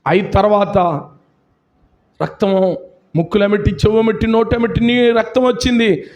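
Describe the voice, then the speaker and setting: A man's voice: little pitch movement, normal speed, a little mellow. A male pastor with a Telugu accent, preaching a sermon and calling out to his congregation. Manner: preaching with big swings in pitch, calling out to the congregation.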